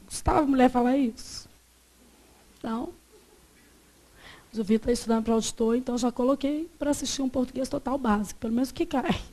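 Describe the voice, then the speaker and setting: A Brazilian woman with a high voice teaches grammar to a class. She fires questions at the students and answers them herself. When she dictates a rule she slows right down and says it again and again. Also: darkish tone. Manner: dictates rules slowly, repeating each one. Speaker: Portuguese teacher.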